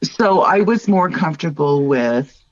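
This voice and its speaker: Her low, expressive voice moves a little slowly, recorded with no room sound but dull overall. She's a middle-aged woman from Northern Ontario, Canada, a wildlife artist and podcast guest who speaks earnestly and reflectively in a candid interview, peppering her talk with "like" and "right?".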